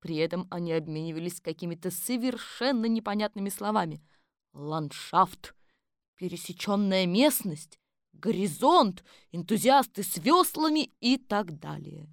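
A woman narrating a story in a steady storytelling manner. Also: lowish voice, measured pace, no echo, studio quality. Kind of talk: audiobook narration.

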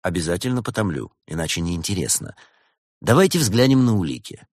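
A man doing a playful, unhurried fox detective. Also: low voice, very animated, no room sound, studio quality. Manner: teasing, measured, explanatory.

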